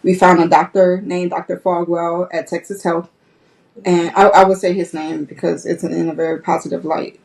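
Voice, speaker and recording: A woman's voice: lowish voice, little pitch movement, moderate pace, creaky, a little mellow, distant mic. A woman, a nurse guest on a podcast, telling a personal story candidly and acting out past conversations. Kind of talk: personal story told in an interview.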